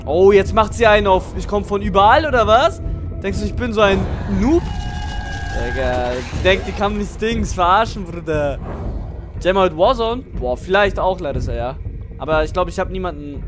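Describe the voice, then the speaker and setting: A man's voice: sits high, expressive, moderate pace. A young man giving casual live gaming commentary as a streamer, with slangy, boastful trash talk. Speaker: game streamer. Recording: music behind the voice.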